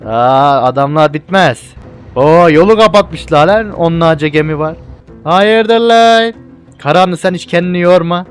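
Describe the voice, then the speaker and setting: A young man giving casual, joking let's-play commentary with loud exclamations. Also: on the high side, moderate pace, smooth, faint music behind. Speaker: gameplay YouTuber.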